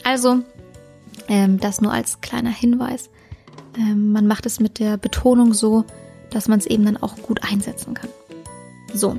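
Calm German-speaking woman explaining dog training. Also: fairly high pitch. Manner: calm, explanatory, with frequent fillers and self-corrections. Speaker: dog trainer and podcast host. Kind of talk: casual instructional podcast talk.

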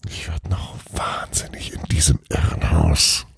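A man's voice: a bass voice, fairly even intonation, unhurried, creaky, husky, dry recording, whispered, clean studio sound, exaggerated voice. A man voicing a huge, furious old Santa Claus who bellows orders and then mutters to himself. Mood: muttering.

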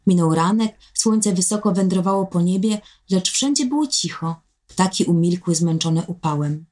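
Woman narrating a fairy tale, lower voice. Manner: measured, expressive fairy-tale telling. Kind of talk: storybook narration.

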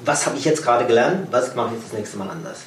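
A man's voice: medium pitch, fast talker, a little hiss or hum. Man giving upbeat tips, repeats himself for emphasis, far-ish mic, roomy sound. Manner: encouraging, repeats phrases for emphasis. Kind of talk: casual podcast conversation.

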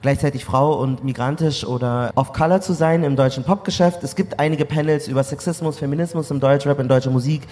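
A man from Germany, a podcast co-host and music journalist, moderating a live panel before an audience in a relaxed way. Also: on the high side, brisk, few pauses. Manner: relaxed, with filler "äh". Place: event venue before an audience. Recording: roomy hall with faint ambient noise.

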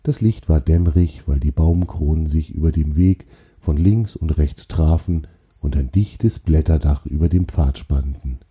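A man calmly narrating a children's story in a gentle, storytelling manner. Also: very deep voice, measured pace, husky.

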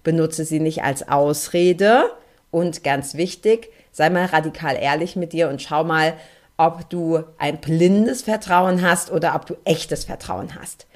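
A woman's voice: low voice, unhurried. A young adult woman hosting a solo spiritual podcast, talking earnestly and emphatically straight to her listeners as a coach. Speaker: podcast host and card-reading coach.

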